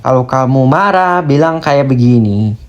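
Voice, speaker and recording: A voice announcing each topic with short, flat prompt-style lines. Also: medium pitch, measured pace, muffled recording, faint music behind.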